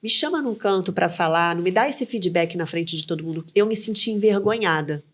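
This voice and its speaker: A woman's voice: lowish voice, a little fast, fairly bright tone. A woman, a communication mentor being interviewed, who gives advice in short, firm phrases. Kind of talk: conversational podcast interview.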